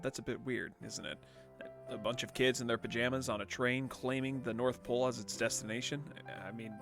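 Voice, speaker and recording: Man, comedic parody narration, crude sarcastic asides, animated pitch, background music. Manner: crude, sarcastic asides breaking a calm reading. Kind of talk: comedic parody storybook reading.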